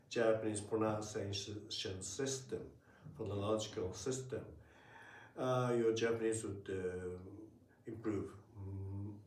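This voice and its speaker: A man teaching Japanese in a casual spoken lesson, talking slowly and hesitantly with many fillers. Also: lowish voice, a little mellow. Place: room in Tokyo. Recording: roomy, from a distance.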